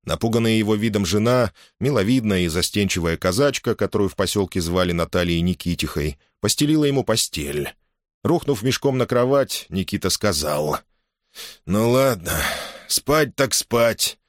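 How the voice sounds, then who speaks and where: A man narrating a novel as an audiobook in an expressive storytelling manner. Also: on the low side, a little fast, no echo, clean studio sound.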